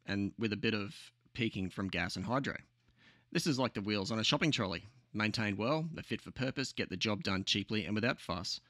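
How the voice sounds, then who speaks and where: An Australian man with a fairly low voice hosts a podcast in a very dry recording. His scripted narration is sardonic and opinionated. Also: a bit bright, dry recording. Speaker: podcast host.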